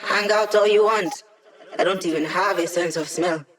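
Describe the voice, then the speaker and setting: A woman's voice: on the low side, moderate pace, natural voice. Hack, a woman as a quippy digital hacker. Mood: wry, playful. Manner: casual, quippy, teasing. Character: upbeat, wry young female hacker living as a digital consciousness. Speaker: mission support character in a video game. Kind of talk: video game voice lines over comms.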